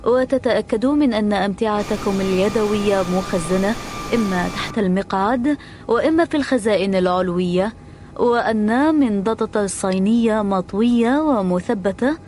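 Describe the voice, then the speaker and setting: A woman's voice: medium pitch, darkish tone, slight background noise. A woman flight attendant reading a scripted cabin safety announcement.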